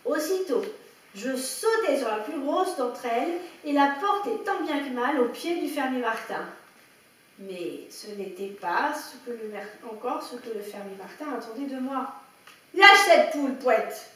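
A woman storyteller reading a children's picture book aloud with lively expression. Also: sits high, a little slow. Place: indoor room at a public story reading. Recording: echoey room, heard from a distance, faint background ambience.

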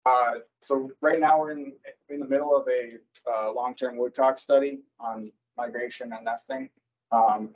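A man presenting wildlife season recommendations at a public board meeting, speaking haltingly with many fillers and self-corrections over a video call. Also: mid-range voice, breathy edge. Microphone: computer mic on a video call. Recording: dull lo-fi video call audio.

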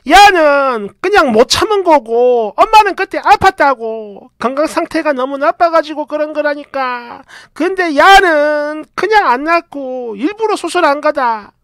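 A woman voicing a nagging older mother-in-law who scolds loudly in a shrill voice. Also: big pitch swings, normal speed, no room sound, clean studio sound. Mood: blustering.

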